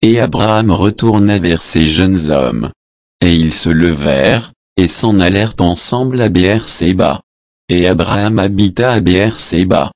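Low-voiced guy reading scripture real slow and deliberate. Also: no echo, clean studio sound. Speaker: scripture reader.

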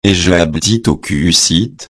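Man, Bible reading, deep low voice, unhurried measured delivery, verse numbers announced. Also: no echo, studio quality. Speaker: scripture reader.

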